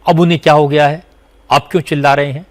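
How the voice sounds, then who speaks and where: News anchor, male, slightly high voice, formal measured read. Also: flat delivery. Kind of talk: scripted news narration.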